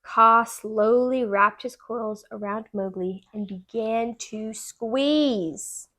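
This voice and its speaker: Pitched a little high, the woman's voice carries a children's story as she reads it aloud for tutoring. Her storytelling style is careful and lively.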